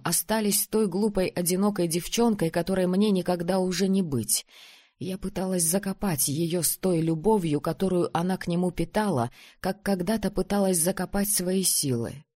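A narrator reading a first-person novel aloud in a calm, steady storytelling manner. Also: mid-range voice, moderate pace. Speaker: audiobook narrator.

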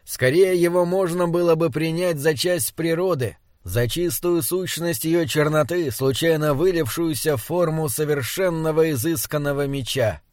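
A man's voice: fairly high pitch, a little mellow, dry recording. Man reading a story, dry close voice. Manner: measured, descriptive reading. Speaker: narrator. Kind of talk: audiobook narration.

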